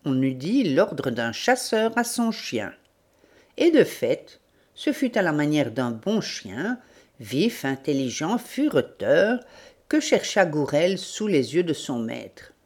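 A woman reads a novel aloud in a low voice, setting a slow and even pace. Her narration is measured and steady throughout.

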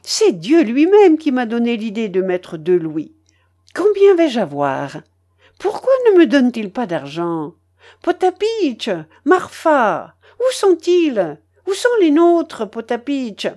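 Audiobook: a woman reading a bossy old grandmother at roulette, shrill, lively and demanding. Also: slow pace, husky, exaggerated voice. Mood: excited. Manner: shrill, bossy, breathless commands. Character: imperious excitable old grandmother gambling at roulette.

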